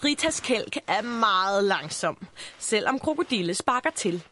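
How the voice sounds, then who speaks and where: Lively woman reading a children's story. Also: mid-range voice, slight background noise. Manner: animated, expressive. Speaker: narrator.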